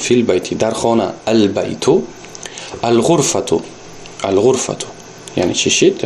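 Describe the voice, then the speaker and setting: A man's voice: fairly low pitch, darkish tone. A man teaching a recorded Arabic language lesson, patiently repeating each example word and explaining it.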